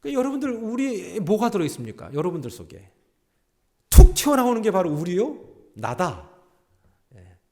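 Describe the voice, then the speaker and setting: A male pastor delivering a sermon in a fairly high voice that rises and falls a great deal. He jokes freely and keeps quizzing the congregation. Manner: animated and joking, quizzing the congregation. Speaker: senior pastor.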